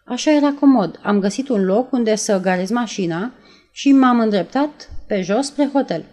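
A woman reading aloud and voicing a nervous young woman who retells events in a breathless, halting way. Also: fairly high pitch, lively intonation, darkish tone, natural voice. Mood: shaken. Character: nervous young woman, shaken after a shooting.

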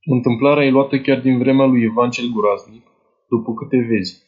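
A man's voice: mid-range voice, fairly even intonation, narrow, tinny audio, lightly acted. A man playing a poor, fussy older clerk who confides in a young woman in a chatty, doting way. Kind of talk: dramatized literary monologue.

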